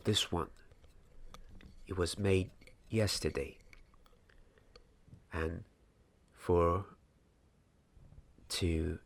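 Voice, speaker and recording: Half-whispering close to the microphone, a young man takes on the role of a gentle wand maker's apprentice for an ASMR piece, unhurried and hesitant. His low-pitched voice has a gravelly edge, and he's on a small indoor set lit by candles.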